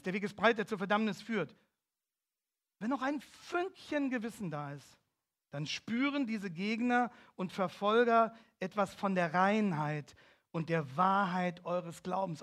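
A man's voice: sits high, fairly bright tone. A man preaching a sermon, reading a story aloud and driving key phrases home with emphatic, swelling declamation. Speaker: pastor.

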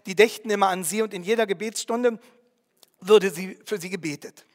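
A man voicing a kindly middle-aged male prison guard who speaks in a hushed, confiding way, in a storybook reading with a long reverb. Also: high voice, moderate pace, close to an everyday voice.

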